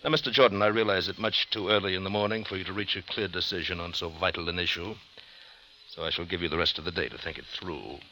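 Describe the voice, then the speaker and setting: Scarborough, a silky deep-voiced killer. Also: male voice, steady tone, fast, bright, forceful tone, a little hiss or hum, low-quality recording. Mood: silky, mocking. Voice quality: formal, mannered diction. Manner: silky and menacing. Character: suave cold-blooded male hired killer. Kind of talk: 1950s radio drama acting.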